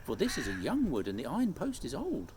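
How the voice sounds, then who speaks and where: A man's voice: mid-range voice, wildly swooping pitch, a little fast, noisy background. A man voicing gracious young storybook queens with courtly, old-fashioned phrasing. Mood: thoughtful.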